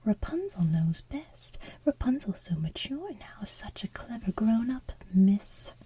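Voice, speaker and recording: A woman voicing a smothering, manipulative villain mother from an animated musical, in soft whispered singing. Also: on the high side, a little slow, husky, exaggerated voice. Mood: bitter, sarcastic.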